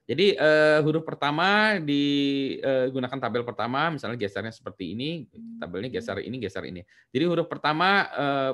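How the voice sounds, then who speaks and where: Middle-aged male lecturer, Indonesian accent, relaxed and chatty, many "eh"s and tag questions, medium pitch. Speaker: university lecturer. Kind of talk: recorded lecture.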